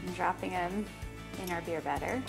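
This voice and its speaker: A woman in her thirties, a guest cook calmly explaining each recipe step in a studio kitchen. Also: fairly low pitch, normal speed, creaky. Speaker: cooking show guest chef. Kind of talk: recipe demonstration. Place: home-style studio kitchen. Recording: studio kitchen with background music.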